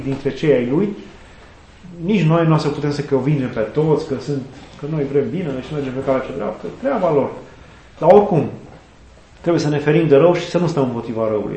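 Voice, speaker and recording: A man's voice: on the high side, mellow. A middle-aged man, an Orthodox priest, telling earnest stories in a conversational interview and quoting sayings and saints. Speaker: Orthodox priest and student chaplain. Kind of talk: conversational interview, reflective storytelling. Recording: echoey room.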